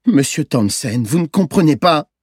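A man's voice: animated, moderate pace, darkish tone, dry recording, studio quality. A man reading an audiobook, voicing a frightened, tearful young boy who pleads and sobs in a raised voice. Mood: pleading. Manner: pleading, sobbing, high-pitched cries.

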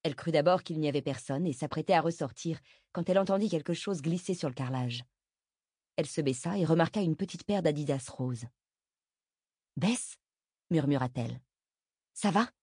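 A woman reading a novel aloud as audiobook narrator, steady and measured. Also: low-pitched, slightly rough, no echo, clean studio sound.

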